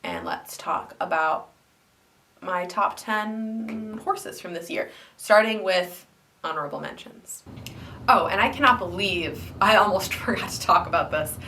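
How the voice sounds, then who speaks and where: A young woman with a slightly low voice, a bit congested and stuffy, talking loosely to camera with frequent ums and likes. She sits a little back from the mic, with faint room noise behind her. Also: unhurried, sharp tone, far from the mic. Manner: rambling, many ums and likes. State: congested from flu. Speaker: hobby collector vlogger. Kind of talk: casual chat to camera.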